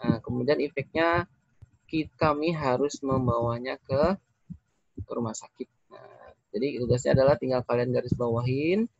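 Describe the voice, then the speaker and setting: A male teacher with an Indonesian accent walks through examples in a patient, repetitive way, with plenty of fillers. The recording is dry and a little dull, like a lo-fi lesson video. His pitch sits in a middle range. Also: slightly rough, no echo. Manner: explains slowly, repeating phrases, with fillers. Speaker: English teacher.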